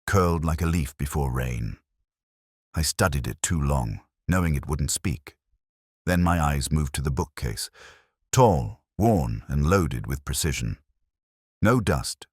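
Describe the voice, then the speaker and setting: A man narrates a detective story in the first person with a measured, literary, reflective delivery and a husky, rumbling low voice. The studio-quality recording has no room sound.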